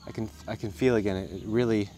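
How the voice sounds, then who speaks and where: A man in his thirties giving unscripted, halting and reflective explanations as a wildlife guide. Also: on the low side, steady tone, mellow, slight background noise. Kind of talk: unscripted talk to camera. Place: outdoors at an animal sanctuary.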